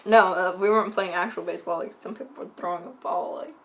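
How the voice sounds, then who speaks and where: A woman's voice: on the low side, quick pace. Rambling woman telling a dream. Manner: rambling storyteller, lots of "like", deadpan asides. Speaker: co-host. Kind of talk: casual chat.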